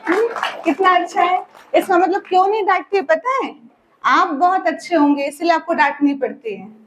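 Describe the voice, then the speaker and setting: A woman's voice: very high voice, normal speed, a bit bright, slight background noise. A woman telling a story and giving a lesson to children at a summer camp. She keeps asking them short questions in a sing-song way and waits for their answers.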